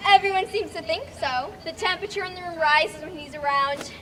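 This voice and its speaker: A woman's voice: extremely high pitch, brisk, fairly bright tone. A woman playing a gushing, gossipy young lady of good breeding in a stage comedy. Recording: echoey hall, distant microphone, faint noise.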